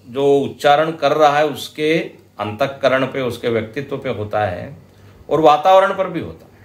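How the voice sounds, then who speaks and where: A man with an Indian accent giving a scripture lecture, explaining slowly and deliberately and chanting example verses now and then. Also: mid-range voice. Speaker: spiritual teacher. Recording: roomy hall echo.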